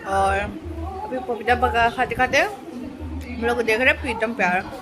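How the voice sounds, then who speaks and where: A chatty woman vlogger with a slightly high voice, talking casually to her viewers about her day. She turns heated and emphatic when something annoys her. Clear background noise runs under the recording. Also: measured pace, crowd noise. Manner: chatty, talks straight to viewers. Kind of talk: casual daily vlog chat.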